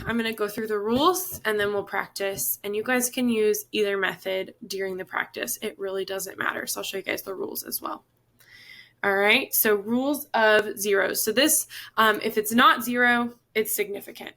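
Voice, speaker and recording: A hoarse woman teaching a chemistry lesson, patiently explaining each step and often saying "all right" and "okay". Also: mid-range voice, moderate pace, sharp tone. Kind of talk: classroom lesson.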